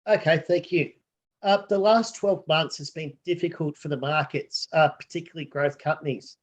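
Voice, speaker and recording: A friendly interviewer with a fairly high voice puts questions to his guest. He pauses on small fillers as he goes.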